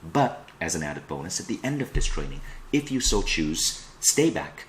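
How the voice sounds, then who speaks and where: Speaking in a low-pitched, very animated voice at normal speed, a middle-aged Malaysian personal growth coach and trainer from Kuala Lumpur pitches his online self-improvement course emphatically. The audio is poor, carrying a little hiss or hum.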